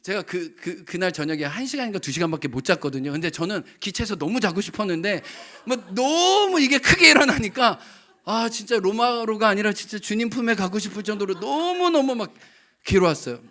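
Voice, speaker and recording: A man's voice: high-pitched, brisk. A middle-aged male pastor preaching a sermon, telling a personal family story and acting out the quotes of his wife and children. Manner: animated storytelling, voicing family members' quotes. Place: church sanctuary.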